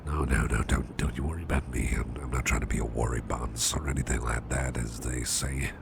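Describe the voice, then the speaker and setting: A man voices a gentle, protective boss fussing over a drained employee in an ASMR roleplay, his very deep, gravelly half-whisper conveying gentle concern. The exaggerated delivery is brisk yet steady in tone, with hesitant, repeated reassurances and close personal attention. Loud background noise accompanies the close recording.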